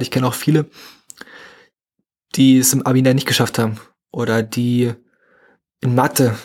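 Fast, husky young German man podcasting. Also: mid-range voice, a little mellow. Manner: fast, slightly mumbled casual speech. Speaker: podcast host. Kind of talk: motivational solo podcast talk.

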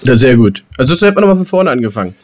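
A podcast co-host trades casual, teasing banter with friends, often restarting his phrases. His mid-range voice is a little mellow, swings widely in pitch, and races along.

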